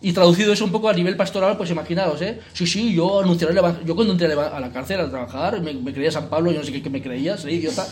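Spanish guy leading a retreat, talks fast, keeps tossing in little questions, bit of hiss behind. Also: fairly high pitch, darkish tone. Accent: Spain. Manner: colloquial, full of rhetorical questions and tag words. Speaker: retreat leader. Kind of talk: retreat talk.

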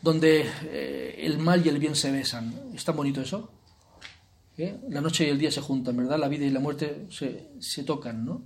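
A man leading a spiritual retreat in an informal, conversational way, often tagging his sentences with quick checks to the group and slipping in jokey asides. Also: fairly high pitch, steady tone, vocal fry. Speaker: retreat leader.

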